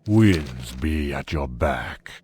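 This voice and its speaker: A man's voice: extremely low pitch, lively intonation, very slow, background noise, exaggerated voice. A man playing a huge, grave but welcoming tauren villager in a fantasy game, with ponderous, stately delivery. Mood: grave welcome. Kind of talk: fantasy game character greetings.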